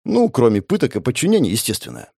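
A man narrating a first-person audiobook in an expressive, dramatic storytelling manner. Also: mid-range voice, fast, vocal fry, no room sound, studio quality.

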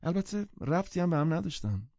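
A male audiobook narrator voicing a cool, languid young woman with a soft drawl, in a dry, muffled recording. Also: a little high, big pitch swings, no echo, pitched above the performer's own voice. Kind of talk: audiobook character voice.

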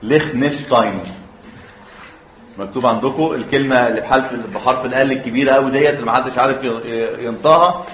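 Racing along with few pauses and fairly even intonation, a man with an Egyptian Arabic accent gives a surgery class lecture, testing students and having them finish his sentences. His medium-pitched voice is fairly bright, and the echoey lecture-hall audio is dull and lo-fi with slight hiss or hum.

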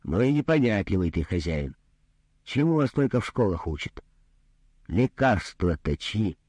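A man doing a gruff greedy doctor. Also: fairly low pitch, sing-song, unhurried, darkish tone, no room sound, heavily acted. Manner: brusque, condescending, grumbling. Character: greedy gruff male doctor, rude and businesslike.

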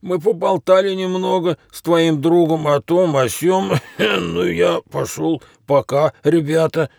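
A man's voice: a little high, steady tone, a little slow, a little mellow, dry recording, studio quality, pitched above the performer's own voice. A man putting on a coughing stray dog. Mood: flustered. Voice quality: coughing, gruff. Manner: growling, then flustered muttering. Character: hungry male stray dog, sly and cowardly.

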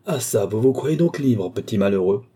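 A man's voice: fairly low pitch, animated, moderate pace, warm tone, husky. A man voicing a haughty, irascible older baron in an audiobook, with a scornful, blustering manner. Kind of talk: audiobook character reading.

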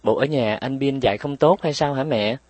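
A man's voice: moderate pace, a little mellow, no echo, lightly acted. A man voicing a playful, stubborn little girl who bites her playmates, speaking cheekily in a raised voice. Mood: pleading. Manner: pleading, cheeky, raised pitch.

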